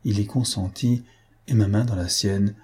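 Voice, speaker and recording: Husky-voiced man reading a classic novel. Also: fairly low pitch, moderate pace. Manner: even, literary storytelling. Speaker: audiobook narrator.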